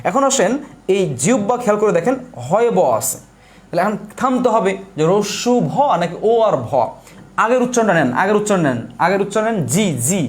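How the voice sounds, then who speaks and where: In a fairly quick, expressive, high-pitched voice, a young exam prep teacher walks through material step by step while writing during a live online lesson. He's repetitive and poses questions only to answer them himself.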